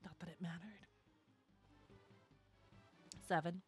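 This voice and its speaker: A woman's voice: lowish voice, steady tone, slow pace, faint music behind. A woman playing a tabletop game, chatting casually as she describes what her character does.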